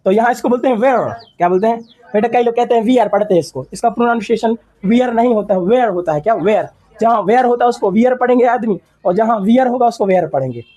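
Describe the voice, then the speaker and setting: A man's voice: very high-pitched, a little mellow, low-quality recording. Man drilling English phrases. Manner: drills phrases word by word, quizzing the class. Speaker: English teacher. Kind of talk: classroom lesson.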